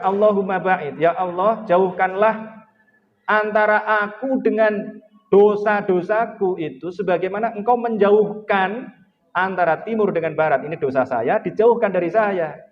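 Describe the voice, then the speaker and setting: A man giving a religious lecture to a live audience, chanting Arabic prayer phrases and putting questions to the listeners. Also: fairly high pitch. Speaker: lecturer at a forum. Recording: echoey hall, dull lo-fi sound.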